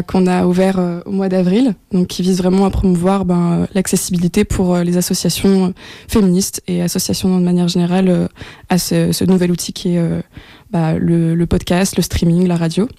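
A young woman from France, a guest in a radio studio interview, talking with many fillers and pauses. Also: on the low side, level tone, creaky, mellow, no room sound. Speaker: guest, project coordinator.

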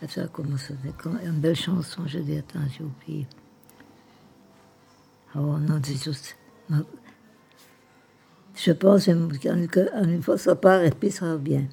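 A woman's voice: low voice, takes it slowly, creaky, long pauses, a little hiss or hum. An elderly woman in a nursing home room chatting tenderly with a visitor, rambling and humming old songs. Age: older. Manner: calls the listener "my little heart" constantly, rambling and tender; hums and half-sings old songs softly. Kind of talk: casual chat with a visitor.

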